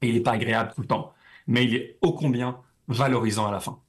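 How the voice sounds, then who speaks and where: A young man from France, a guest in a casual interview, talking in a relaxed, rambling way with many fillers. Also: medium pitch, fast.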